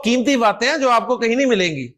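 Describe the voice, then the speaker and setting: A man teaching an Arabic grammar class, explaining slowly, demonstrating how to pronounce words and often checking that students follow. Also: very high-pitched, lively intonation, a bit bright. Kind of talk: online class lecture.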